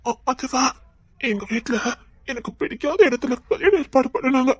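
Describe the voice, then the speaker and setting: Brief: woman playing a shy young woman for an audio drama, breathy and hesitant, high and close. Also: moderate pace, no echo. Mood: tearful. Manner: soft, hesitant, stammering. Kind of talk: Tamil audio drama acting.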